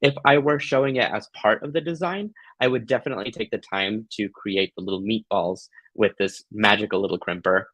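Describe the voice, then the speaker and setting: Gushing, affectionate man hosting a craft tutorial, lowish voice. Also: brisk, hardly any pauses, a bit bright, dry recording, poor audio. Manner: giggly, playful.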